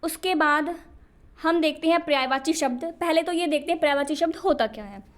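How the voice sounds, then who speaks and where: A woman's voice: high voice, a little fast. A woman teaching an exam-prep Hindi lesson, explaining patiently and often checking in with the students.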